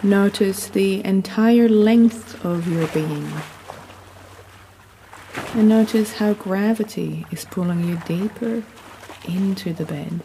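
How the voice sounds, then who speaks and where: A woman giving soothing, unhurried sleep story narration, gently guiding the listener through relaxation. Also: mid-range voice. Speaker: guided sleep meditation narrator. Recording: long reverb, audible background noise.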